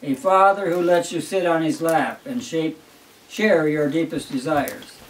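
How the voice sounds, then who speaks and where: In a roomy, distant home recording with a faint hiss or hum, a grandfather reads a Christmas story aloud. His voice is fairly high and his pace a little slow, and he tells the tale with wry amusement.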